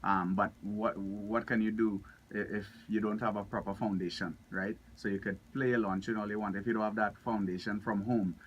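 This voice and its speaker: A young man with a Trinidadian accent talks easily in a radio studio, his voice fairly low. He sounds upbeat and relaxed, chatting like a musician on tour. A faint hiss sits under the voice. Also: brisk, hardly any pauses, dull audio. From Trinidad and Tobago. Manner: upbeat, laughs often, acts out other people's lines. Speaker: musician guest. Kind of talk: casual radio interview chat.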